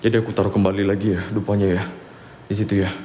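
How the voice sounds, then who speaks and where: A man's voice: on the low side, flat delivery, rapid-fire, warm tone, a little hiss or hum. A young man streaming a ghost hunt, calling out to spirits in formal questions and breaking into startled exclamations. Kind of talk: live-streamed paranormal investigation. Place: abandoned factory at night. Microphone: phone. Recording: phone audio with long hall echo, faint ambience.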